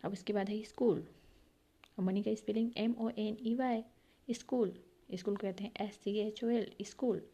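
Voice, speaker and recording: A woman's voice: mid-range voice, steady tone, creaky, mellow, husky. A woman teaching a class, explaining a worksheet and spelling words out letter by letter. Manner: reads English questions very slowly. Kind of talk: explaining an English worksheet in Hindi.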